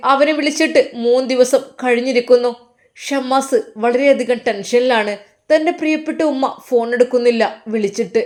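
A woman with a Malappuram Malayalam accent narrates a moral story in a steady, emotive voice. Her voice sits a little high for a woman.

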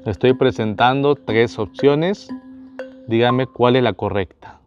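A man's voice: mid-range voice, unhurried, lo-fi sound, soft background music. A man, a priest, running a Bible quiz for his viewers, asking each question, repeating it, and speaking to them directly.

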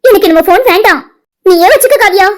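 A tearful young daughter in a homemade cartoon, pleading in a very high, squeaky voice with a lilt. She clings and frets with every word. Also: lively intonation, fast. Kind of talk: cartoon voice acting.

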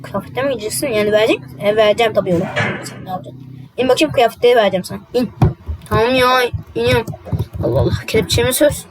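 A woman's voice: on the high side, rapid-fire, noisy background. A woman playing out a game roleplay in casual, exasperated, muttering speech. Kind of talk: casual game roleplay, voicing several characters.

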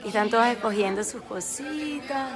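Over music, a woman with a fairly high voice speaks at a moderate pace in a casual Instagram story, gushing about her store event and promoting it to followers. The busy indoor event is recorded on the phone she holds, with a chattering crowd behind her.

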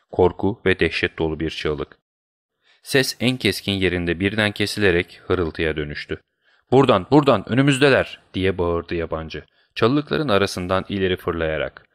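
Male audiobook narrator, low register, steady and measured. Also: no room sound, clean studio sound. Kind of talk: scripted narration.

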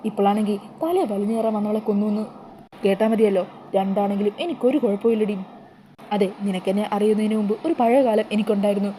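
A taunting young groom with a menacing edge, as a woman reads his part. The voice is dark and mellow, and it rushes along quickly. Faint noise hangs in the background. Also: medium pitch, lightly acted. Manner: threatening, taunting.

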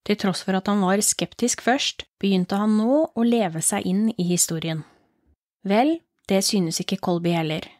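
Calm Norwegian woman narrating horror. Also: dry recording, studio quality. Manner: calm, low storytelling voice. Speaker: podcast host and storyteller. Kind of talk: scripted horror story narration.

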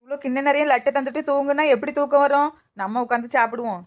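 A high, quick voice plays a put-upon young woman in a cartoon, acted by a woman. She grumbles and complains at a fast clip in a Kanyakumari Tamil accent. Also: fairly even intonation, highs cut off, natural voice. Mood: grumbling. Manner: complaining, whiny. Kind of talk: cartoon voice acting.

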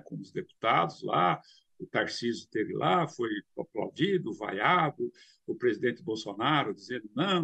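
An older man in his sixties speaks over a video call from a home study lined with bookshelves. His voice is gravelly and somewhat husky. The pitch rises and falls a lot as he explains, and he hesitates often and repeats filler words. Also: fairly bright tone. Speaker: commentator. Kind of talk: remote news commentary.

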